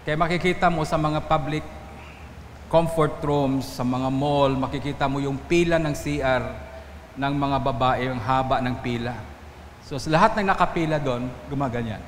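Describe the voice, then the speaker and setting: A man from the Philippines, a priest, preaches a Sunday homily in a medium voice and tells anecdotes. He slips into lively voices when he quotes others. The sound carries a long church reverb with faint ambience behind it. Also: mid-range voice, moderate pace, a little hiss or hum. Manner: storytelling, quoting people in different voices.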